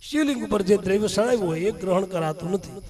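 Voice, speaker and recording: A man's voice: high voice, quick pace, darkish tone. A man telling a devotional katha sermon, his voice rising and falling dramatically as he calls the listeners dear ones. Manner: rises and falls dramatically, calling the audience dear ones. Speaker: religious storyteller.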